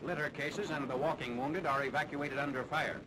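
A man narrating a 1940s wartime newsreel in a brisk, authoritative announcing manner, from an old newsreel soundtrack. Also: a little high, steady tone. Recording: old newsreel with loud noise.

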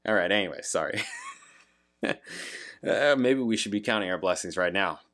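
A man's voice: deep voice, expressive, normal speed, fairly bright tone. A young adult man hosting a music reaction, chatting casually with lots of fillers and reading lyrics aloud. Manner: rambling, many fillers, laughs, reads lyrics aloud.

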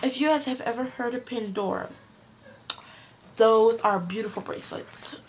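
Young girl vlogging in her room, kinda high voice, lots of ums, noisy camera mic. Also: normal speed. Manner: chatty, rambling with many fillers. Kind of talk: casual show-and-tell vlog. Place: her bedroom. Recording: home video with background noise.

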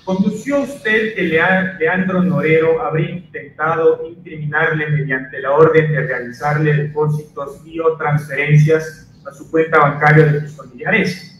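A man, a defense lawyer, cross-examining a witness in a deliberate way with frequent hesitations. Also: on the high side, fairly even intonation, a bit bright, a little hiss or hum. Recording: distant, echoey courtroom audio.

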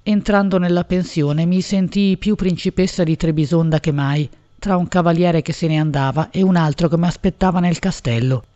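A woman reads a literary novel aloud at a measured pace, shaping each phrase expressively. The recording sounds slightly dull and lo-fi. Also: fairly low pitch, fairly even intonation, dark tone. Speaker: audiobook narrator. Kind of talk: literary audiobook narration.

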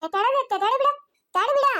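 A woman's voice: extremely high pitch, animated, a little fast, heavily acted. A woman playing an enraged older woman who hurls insults in a rural in an amateur family drama. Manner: shouting insults.

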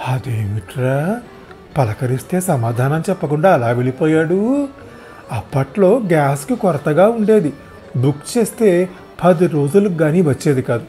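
A man's voice: a little high, lively intonation, moderate pace, mellow, faint music behind, close to an everyday voice. A man voicing a talkative, meddling elderly mother in a wheelchair, fussing over everyone in a storybook reading. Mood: chatty.

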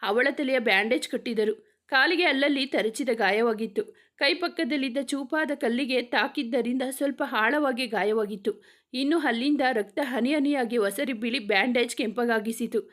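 A woman's voice: on the high side, normal speed, a bit bright. A woman reading a romantic story aloud, narrating and speaking every character in much the same voice.

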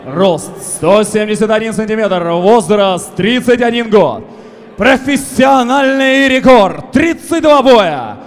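A young man announcing boxers as a ring announcer, theatrically, with drawn-out, shouted names into a handheld microphone in a big hall. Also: high-pitched, animated. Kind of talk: boxing ring announcer introductions. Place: large indoor boxing arena. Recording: echoey hall PA with background noise.

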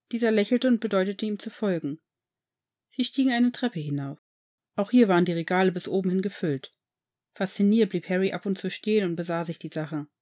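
Brief: female narrator, calm even audiobook reading of a fan story. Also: medium pitch.

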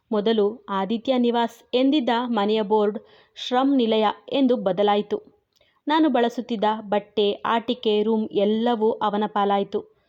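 A woman's voice: a little high, warm tone, close to an everyday voice. A woman voicing a grieving young husband who is brooding and teasing, in a dull lo-fi recording.

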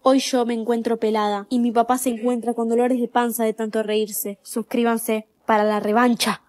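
A woman's voice: fairly high pitch, little pitch movement, normal speed, darkish tone. Young-sounding woman narrating mock drama. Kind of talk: scripted storytime narration.

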